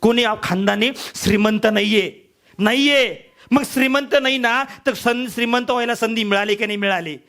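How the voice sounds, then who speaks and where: A man delivers a fiery motivational speech in a high-pitched voice. He swings between quiet, heavy passages and shouted, repeated rallying cries. He sounds middle-aged. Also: moderate pace. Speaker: motivational speaker. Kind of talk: emotional motivational speech to an audience.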